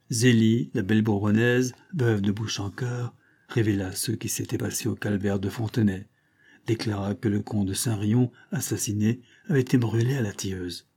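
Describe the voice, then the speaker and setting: A man's voice: fairly low pitch, mellow, breathy edge. A man narrating an adventure novel as an audiobook, with dramatic storytelling. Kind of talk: scripted narration.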